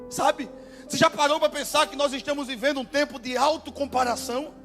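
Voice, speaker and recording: A male pastor with a Brazilian Portuguese accent delivers an impassioned sermon. His voice sits very high and rings bright and sharp, and he often breaks into shouted exclamations over faint music. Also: fairly even intonation, moderate pace, vocal fry.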